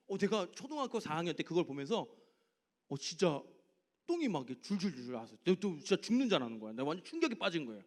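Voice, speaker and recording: A man, a youth pastor, preaching to teenagers in a church service, telling personal stories and putting questions to them. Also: on the high side. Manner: animated, asks the teens direct questions. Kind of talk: youth sermon with personal storytelling.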